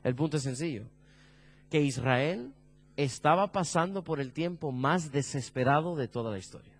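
A man preaching a sermon, asking the congregation questions and dropping his voice low for emphasis. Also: expressive, normal speed.

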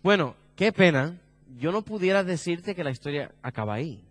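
A male preacher delivering a sermon with a lively, swinging pitch, higher than most men. He asks his listeners questions and sinks to a low voice for the heavy points. The sound is dry and close. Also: normal speed, no room sound. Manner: animated, asks the congregation questions, drops low for emphasis.

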